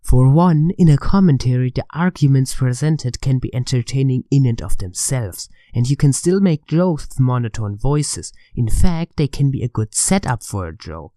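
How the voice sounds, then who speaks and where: Dark-voiced sardonic male commentator. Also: mid-range voice, animated, normal speed, hardly any pauses, no room sound, studio quality. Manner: sardonic, exasperated rebuttals. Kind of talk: scripted commentary voice-over.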